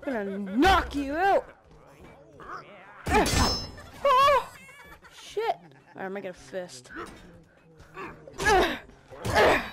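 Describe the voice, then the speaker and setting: Excitable woman swearing through gameplay. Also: high-pitched, background noise. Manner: excitable, swearing, making silly sound effects. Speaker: gamer playing on stream. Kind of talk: casual gameplay commentary.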